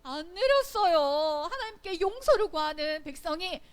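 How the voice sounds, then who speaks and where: A woman's voice: extremely high pitch, normal speed. A woman teaching a Sunday school Bible lesson to children, asking them questions and acting out the characters. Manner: animated, acts out voices and quizzes children. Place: church classroom.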